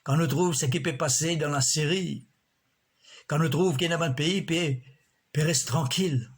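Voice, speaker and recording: A man preaching a sermon in a slow, measured way, often breaking in with alleluias. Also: a little high, slightly rough.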